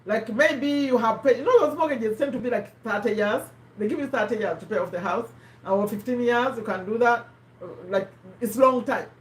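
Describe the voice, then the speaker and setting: A woman's voice: fairly high pitch, moderate pace, recorded from a distance. A woman from Uganda, hosting a live book discussion in casual, conversational talk, often restarting and quizzing her listeners. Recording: echoey room.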